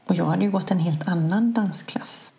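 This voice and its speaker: A middle-aged woman, host of a podcast, telling a personal story in a candid, self-mocking way with a soft, hushed delivery. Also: on the low side, creaky.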